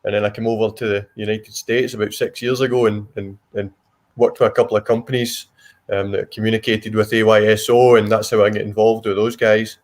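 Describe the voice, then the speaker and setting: A man's voice: lowish voice, little pitch movement, brisk. A man with a broad Scottish accent, a soccer coach answering casually in an interview.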